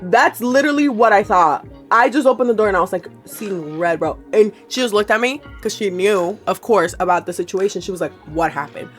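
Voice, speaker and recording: Young woman vlogger, casual storytime chat, animated delivery with lots of swearing and laughter, faint music under it. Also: mid-range voice, brisk, few pauses. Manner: animated, swearing, laughing often, quotes people in voices.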